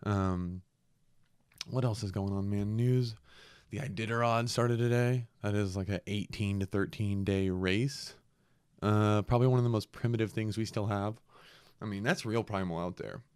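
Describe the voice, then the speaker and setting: A young man with a low, smooth voice talks casually into a dry, close-sounding space. He is congested from a cold and speaks earnestly and reflectively, like a podcast host thinking out loud. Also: steady tone, normal speed, dry recording.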